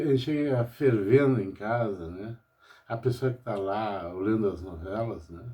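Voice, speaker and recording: Older man, mellow low tone; rambling home monologue, constant "né?". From Brazil. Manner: rambling, tags nearly every phrase with "né?". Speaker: pharmacist. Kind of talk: personal monologue vlog.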